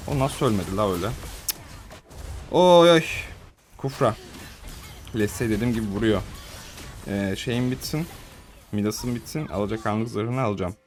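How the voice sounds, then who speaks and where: A man's voice: on the low side, a little fast, long pauses, soft background music. Chatty young man calling his game. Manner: casual, chatty, slangy, talks to viewers and teammates. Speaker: gaming streamer. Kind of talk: live gameplay commentary.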